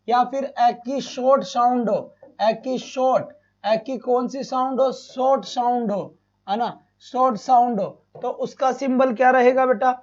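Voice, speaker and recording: A male teacher giving a live online class, asking questions and answering them himself, and bursting into loud praise. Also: very high-pitched. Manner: addresses students as beta, asks and answers own questions. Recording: dull lo-fi stream audio.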